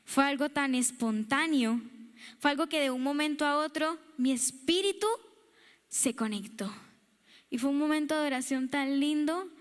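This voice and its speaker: A woman's voice: high voice, in a large hall. A young woman preacher sharing a personal testimony in a sermon, repeating words for emphasis.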